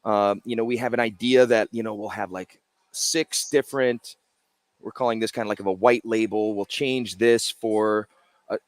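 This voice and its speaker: A man's voice: on the low side, fairly even intonation, moderate pace, dry recording. A man, a brewery co-founder, chatting casually as an interview guest and explaining his beers. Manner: explains while showing cans, loose and chatty. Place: brewery in a Japanese spa town.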